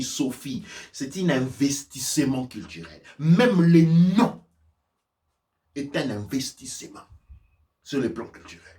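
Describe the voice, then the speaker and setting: A slightly high-voiced man from sub-Saharan Africa, a spiritual teacher and preacher, delivers a passionate, sermon-style lecture full of emphasis, repetition and rhetorical questions. He sounds reverberant and well away from the microphone.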